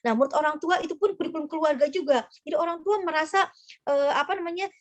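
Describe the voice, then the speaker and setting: A woman's voice: sits high, fast, no room sound, highs cut off. A woman, a school psychologist giving an informal parenting talk to mothers over a video call, with many fillers and restarts.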